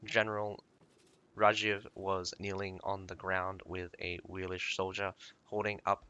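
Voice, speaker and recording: A man reading a game's lore aloud, breaking off often to comment in a halting, casual way with many fillers. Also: low voice, little pitch movement, pushed and bright, clear, resonant tone, lo-fi sound. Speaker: lore reader and streamer.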